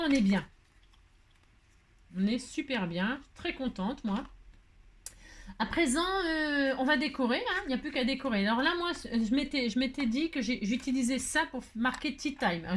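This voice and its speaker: A middle-aged woman with a slightly high voice talks her viewers through a paper craft project. She rambles, restarts her sentences and teases herself as she works. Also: slight background noise. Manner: rambling, self-mocking, hums and sings snatches of tunes while working. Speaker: craft tutorial host. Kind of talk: chatty crafting tutorial.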